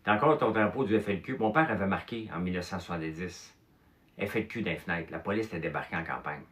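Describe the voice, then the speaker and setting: Animated Québécois man, bright voice. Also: low voice, quick pace. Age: 50s or older. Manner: animated storyteller, mild swearing, fillers like "là" and "ok". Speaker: host. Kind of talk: casual chat telling childhood stories.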